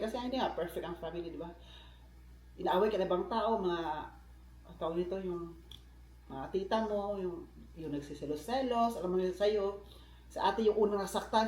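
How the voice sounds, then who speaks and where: A man's voice: high-pitched, darkish tone. A man from the Philippines vlogging in a casual, chatty way, often turning to his viewers with asides. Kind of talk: casual vlog chat. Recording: roomy echo.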